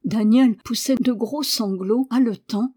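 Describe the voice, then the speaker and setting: A woman reading a novel aloud as audiobook narration, measured and expressive. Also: a little high, slightly rough. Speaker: audiobook reader. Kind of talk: scripted narration.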